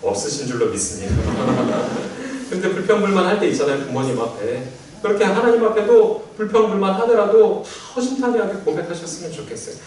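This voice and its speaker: A male pastor giving a sermon in a church, speaking in a gentle, conversational way and leading the congregation in readings. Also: high-pitched, lively intonation, fairly quick. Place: church sanctuary. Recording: very echoey church hall, mic at a distance.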